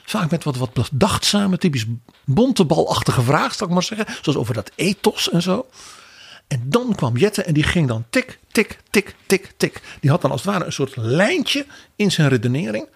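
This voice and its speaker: Male podcast co-host, raspy and gravelly, lively wry political commentary, dry close mic. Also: fairly high pitch, normal speed, no room sound. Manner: animated, wry commentary with quoted asides. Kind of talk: political analysis chat.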